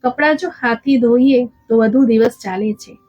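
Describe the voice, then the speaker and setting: Woman reading as a quiet humble village bride. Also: a little high, moderate pace, no room sound, close to an everyday voice. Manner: soft, quiet. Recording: dull lo-fi with faint music.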